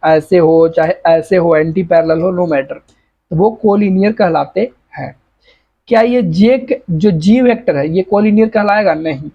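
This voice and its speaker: Male physics tutor, higher pitch, patient step-by-step explainer with everyday examples; slightly dull lo-fi sound. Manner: explains step by step, often checks understanding; uses plain everyday examples. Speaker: physics teacher. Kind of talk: exam-prep physics lecture in Hindi mixed with English.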